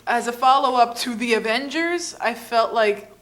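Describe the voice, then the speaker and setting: A woman's voice: a little high, expressive, normal speed, fairly bright tone. A young woman co-hosting a casual chat, talking freely with lots of filler words. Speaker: co-host.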